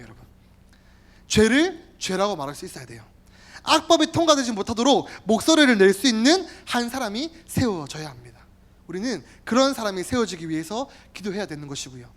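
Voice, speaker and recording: A youth pastor preaching to a congregation, turning to the listeners often and repeating key words. The pitch swings widely, rising high on emphatic phrases and dropping low and soft at the ends. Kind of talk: sermon.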